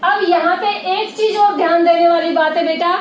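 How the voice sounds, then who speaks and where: A woman with a very high voice teaches grammar patiently, repeating each point and often checking that her students follow. She is recorded in a roomy, echoing space with a faint hiss behind her. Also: steady tone, normal speed. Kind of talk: classroom grammar lesson. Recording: echoey room with faint noise.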